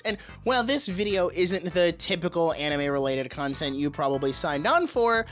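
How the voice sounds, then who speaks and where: A man giving casual, excited commentary in his own video, chatty with playfully sarcastic asides, still getting over an illness. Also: high voice. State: recovering from illness. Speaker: YouTube creator.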